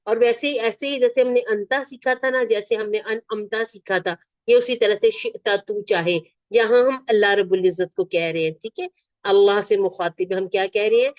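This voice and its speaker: A woman teaching Quranic vocabulary word by word. She is patient, repeats each term slowly and keeps checking that her students follow. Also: medium pitch, no room sound. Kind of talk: word-by-word Arabic vocabulary lesson.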